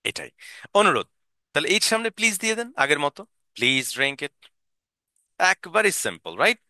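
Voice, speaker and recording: Man, English teacher, sentence drills, animated pitch, dry close sound. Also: unhurried, no echo. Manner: repeats Bengali sentences then English, drilling learners; asks learners to repeat after him. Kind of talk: spoken English lesson.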